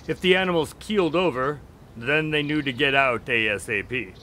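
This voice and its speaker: A man playing an eager, talkative doctor who is a detective's sidekick in an audio drama, animated and keen to explain. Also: mid-range voice, moderate pace, a little hiss or hum, lightly acted. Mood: eagerly explaining.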